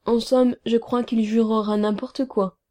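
A woman voicing a shifty male client with a chronic cold, answering slowly and hesitantly. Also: medium pitch, flat delivery, dark tone, natural voice. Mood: evasive. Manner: slow, hesitant, stuffy-voiced.

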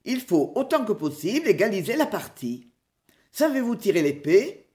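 A woman's voice: medium pitch, very animated, normal speed, darkish tone, natural voice. A woman doing a defiant young archer. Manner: defiant and mocking. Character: boastful young male forest stranger with a bow.

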